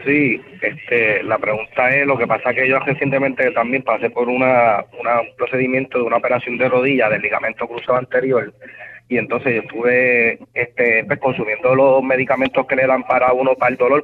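Puerto Rican man, caller, hesitant, mid pitch, phone-line sound. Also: little pitch movement, moderate pace. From Puerto Rico. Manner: hesitant, many fillers. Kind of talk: call-in question. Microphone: telephone.

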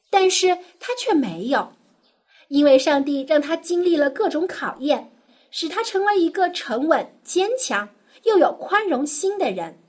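A young woman narrating a children's Bible story, gently and expressively, as a storyteller speaking to a child. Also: sits high.

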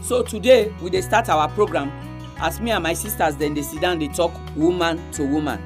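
A woman's voice: on the low side, normal speed, music in the background. A woman with a Nigerian Pidgin accent hosting a religious radio programme for women, speaking directly to her listeners.

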